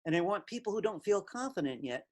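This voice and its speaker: A man's voice: sits high, big pitch swings, fast talker, a little mellow. A middle-aged man teaching a recorded class, talking conversationally and reflectively, stressing key words as he explains.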